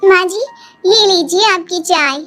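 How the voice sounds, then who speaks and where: A woman doing a whiny young wife in a cartoon story, forever complaining and making a drama out of small things. The voice is very high. Soft music plays underneath. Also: measured pace.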